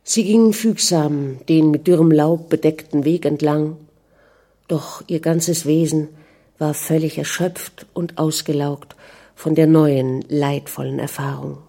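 A woman reading a novel aloud as an audiobook narrator, calm and measured. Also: low-pitched.

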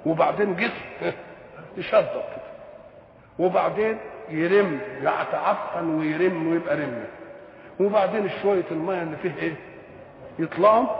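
Brief: older Egyptian male scholar, brisk sermon delivery, asks and answers his own questions, dull echoey hall recording. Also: high voice, creaky, slight background noise. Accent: Egyptian Arabic. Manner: rhetorical questions answered himself, drawn-out Quran recitation. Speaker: Islamic scholar giving Quran commentary.

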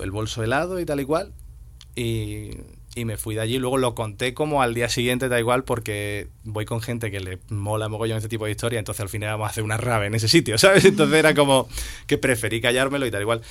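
A man's voice: fairly low pitch, a bit bright. A man, a podcast guest and musician, telling a story in a slangy, rambling, conversational way. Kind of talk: casual storytelling.

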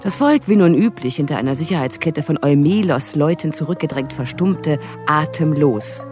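An actress voicing a haunted young prophetess in a radio play, narrating in the first person with intense delivery that sinks into whispers. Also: female voice, deep voice, lively intonation, moderate pace, a little mellow, faint music behind. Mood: brooding.

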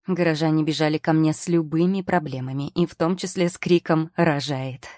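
A woman's voice: low voice, steady tone, fairly quick, mellow, no echo. A woman narrating an audiobook in the first person with a wry, ironic storytelling manner, recorded on a close studio mic.

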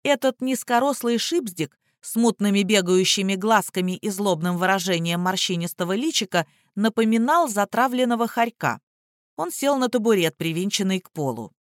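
A reader narrating a crime story in steady, even storytelling. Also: mid-range voice, normal speed, no room sound, clean studio sound. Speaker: audiobook narrator. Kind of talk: scripted narration.

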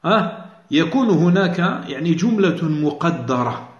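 Man, sheikh-style teacher, fairly high voice, patient and repetitive, echoey lo-fi room recording. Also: lively intonation, measured pace. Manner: explains patiently, repeats key phrases, many fillers. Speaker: sheikh teaching a hadith lesson. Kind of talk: religious lesson explaining texts. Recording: echoey room, dull lo-fi sound.

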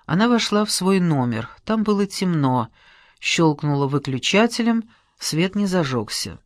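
A woman reading literary narration aloud in a calm, measured way. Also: lowish voice, dry recording, clean studio sound. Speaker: audiobook reader.

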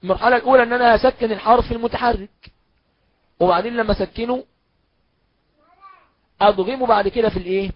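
High-voiced Egyptian man teaching recitation. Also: fast talker, pauses often, no echo, muffled recording. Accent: Egyptian Arabic. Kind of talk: recorded course lesson.

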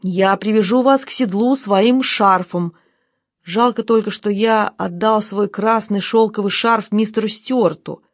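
A stern, sharp-tongued colonel, read by a woman narrator, curt and biting. The sound is dry and close. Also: medium pitch, measured pace, dry recording, lightly acted. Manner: stern, sarcastic.

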